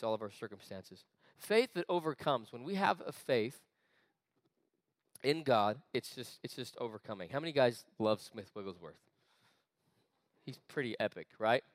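A man preaching an energetic sermon to a youth group, chatty and full of asides. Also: medium pitch, no echo. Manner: animated, conversational preaching with quick asides. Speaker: youth pastor. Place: church meeting room.

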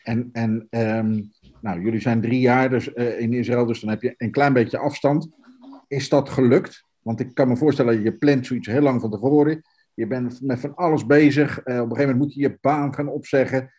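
Male interviewer, soft-edged dark tone, slightly rough husk, conversational, feels his way through questions. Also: mid-range voice, steady tone, moderate pace. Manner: searches for words, rephrasing questions.

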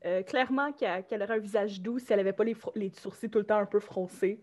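A woman's voice: mid-range voice, fairly even intonation, fast talker, a little mellow, a little hiss or hum. A woman with a Québécois French accent playing a tabletop game, hesitant and full of fillers. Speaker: player. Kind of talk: casual tabletop role-play.

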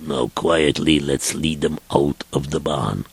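A man voicing a sly, scheming horse thief who gives hushed instructions to his partner during a break-in. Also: extremely low pitch, slow pace, vocal fry, slight background noise, exaggerated voice. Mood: sneaky. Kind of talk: amateur audio storytelling.

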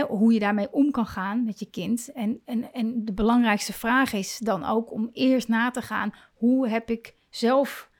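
A woman hosting a parenting podcast, talking in a gentle, coaching way and often rephrasing herself mid-sentence. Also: medium pitch. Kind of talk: reflective solo podcast talk.

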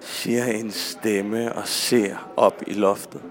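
Male narrator, lowish voice, flat delivery of stage directions, radio drama.

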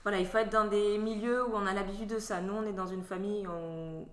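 Woman host, chats fast, jumps in on her guest, sounds kinda roomy. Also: medium pitch, steady tone. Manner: brisk, interjecting and finishing the guest's thoughts. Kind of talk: casual conversation. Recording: echoey room.

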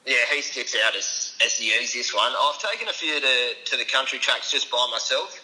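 A man's voice: mid-range voice, lively intonation, normal speed, pushed and bright, low-quality recording. An Australian man giving casual, understated interview answers as a racehorse strapper, in an informal, laid-back way.

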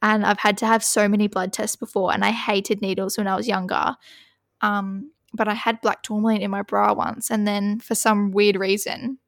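A woman chats casually as a podcast co-host. Her voice has a gravelly fry and sits at a middle pitch. The sound is dry and close, with no room around it. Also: level tone, moderate pace, no echo. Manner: chatty, filler-heavy, many "like"s. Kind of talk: casual chat.

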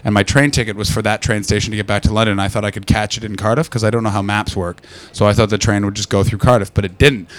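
A man doing stand-up crowd work, brash and profane, teasing the audience and breaking into loud shouts. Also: on the low side. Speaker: stand-up comedian. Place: London comedy club.

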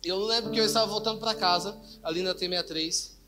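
A man's voice: high-pitched, fairly even intonation, quick pace, music in the background. A young man preaching a testimony sermon, repeating phrases and quizzing the congregation. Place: church hall, indoors.

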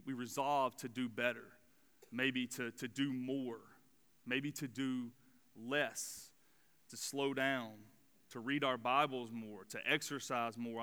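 A man in his forties preaches a sermon in a bright, ringing voice that stays smooth and clear. He talks to the room in a relaxed, chatty way, with plenty of fillers. The church hall lends his voice a long reverb. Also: mid-range voice. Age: 40s. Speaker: student pastor. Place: church sanctuary.

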